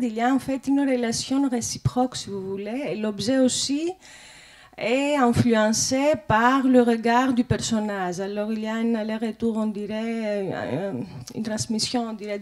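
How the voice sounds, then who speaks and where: A woman's voice: medium pitch, a little mellow. A woman making a hesitant, tentative spontaneous comment in an academic discussion.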